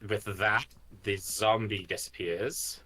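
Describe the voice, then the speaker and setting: A man runs a tabletop game in a fairly low, bright voice. He improvises the narration at a very unhurried pace, halting mid-sentence as he builds each scene. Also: steady tone, slight background noise. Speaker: game master.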